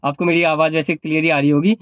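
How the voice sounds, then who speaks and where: A man who drives a cab and vlogs gives informal advice, explaining and repeating his points while a sore throat keeps him from full volume. His fairly high voice is smooth and fast with little pitch movement, and the audio is dull with no room sound.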